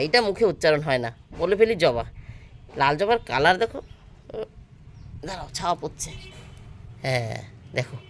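Chatty woman vlogging her chores. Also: fairly low pitch. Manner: chatty, addresses viewers as friends while doing chores. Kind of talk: casual daily-life vlog narration. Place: home rooftop garden and kitchen.

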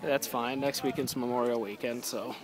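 A man's voice: mid-range voice, fairly even intonation, normal speed, a crowd in the background. A young man casually vlogging a hike into a handheld camera, joking and offhand. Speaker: vlogger filming a hiking trip. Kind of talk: casual vlog narration. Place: outdoors at a busy scenic lookout. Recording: busy crowded outdoor spot.

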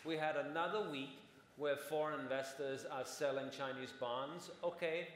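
On a large conference hall stage, a man in his forties speaks as a panelist, explaining at length and often checking in with "right?" His voice is fairly high and fairly bright, with a steady tone and normal speed. The roomy hall gives a long reverb, and there's slight background noise.

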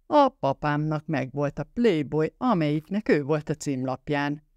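An audiobook reader voicing a scruffy, eager young man who is quick to take offense. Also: mid-range voice, animated, a little mellow, no echo, highs cut off, lightly acted.

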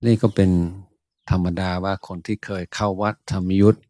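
A Buddhist monk answering questions in a Dhamma talk, thoughtful and unhurried, pausing often with drawn-out "ah" sounds. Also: male voice, low-pitched, little pitch movement, warm tone, no room sound. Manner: slow, thoughtful, many drawn-out "ah" pauses.

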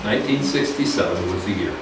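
In a meeting room, a guest speaker from Idaho in his sixties, a government teacher, gives a loud, folksy informal speech to a small audience, talking fast in a deep, animated voice. A distant camera mic catches the podium mic from afar, with echo and hiss.

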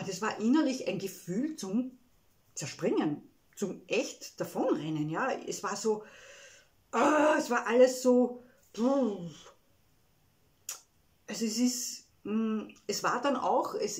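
A woman with an Austrian accent gives a personal, reflective self-help talk, speaking emotionally and haltingly with frequent tag words. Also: medium pitch, a little mellow. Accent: Austrian German.

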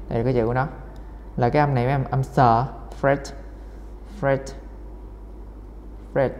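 A man's voice: medium pitch, warm tone. Man teaching an exam lesson in a reverberant room. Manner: repeats words many times, with fillers. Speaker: English teacher. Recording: reverberant room, faint noise.

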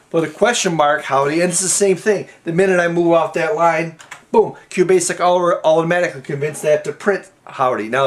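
A man hosting a casual programming lesson, walking through code in a folksy, rambling way with frequent restarts and fillers. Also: a little high. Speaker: programming tutorial host. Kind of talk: casual screen-recorded coding lesson.

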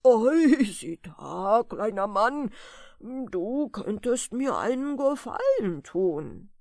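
A woman voicing a big, friendly, good-natured male giant in a bedtime audiobook, drawing out her words slowly and loudly. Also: big pitch swings, no room sound, studio quality, exaggerated voice. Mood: friendly, pleading. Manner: slow, drawn-out, booming delivery.

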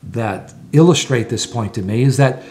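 A man's voice: mid-range voice, moderate pace, a little mellow. A man in his sixties talking to camera from a small room at home, explaining things earnestly point by point as a sailing vlogger. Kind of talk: to-camera vlog talk.

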